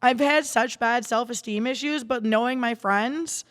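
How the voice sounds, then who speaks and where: Woman podcast guest, chatty and rambling, slightly high voice, long studio reverb. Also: a little slow, fairly bright tone. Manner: rambling, many restarts and fillers. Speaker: guest, salon owner and darts player. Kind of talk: casual storytelling chat.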